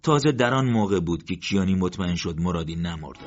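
A man narrating a war story in a steady, even reading style, on a dull lo-fi recording. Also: sits low. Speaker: audiobook narrator. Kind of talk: scripted narration.

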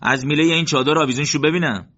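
A man's voice: on the high side, fairly bright tone, voice pushed up. A man voicing a prank-loving male soldier who teases and orders his comrades about, on a dull lo-fi recording. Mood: teasing. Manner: teasing, bossy.

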